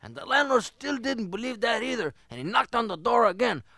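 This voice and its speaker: A male comedian telling a rambling, deadpan parody of a fairy tale. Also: extremely high pitch, fairly quick, vocal fry. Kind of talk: comic storytelling routine.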